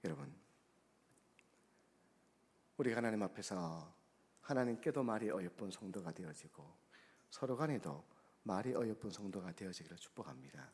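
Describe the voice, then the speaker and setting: A man, a guest pastor, delivering a sermon, preaching emphatically with sharp swings between soft and loud and acting out the people in his stories. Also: low-pitched, expressive, moderate pace, long pauses. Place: church sanctuary. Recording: long church-hall reverb.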